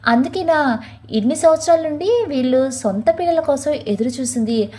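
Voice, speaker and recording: A woman reading a family story as scripted narration in a steady storytelling manner. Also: high voice.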